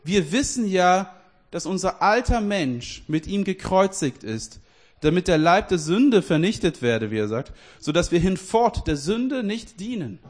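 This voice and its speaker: High-voiced German-speaking preacher, informal. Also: male voice, sing-song, a little slow. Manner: informal, addresses listeners directly, laughs often; restarts and self-corrections. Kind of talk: casual sermon.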